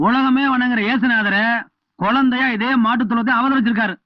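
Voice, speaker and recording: A cheeky farmhand. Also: male voice, very high voice, steady tone, no room sound. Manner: quick, cheeky comebacks. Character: cheeky farmhand sent to clean a cowshed. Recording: dull film soundtrack with music.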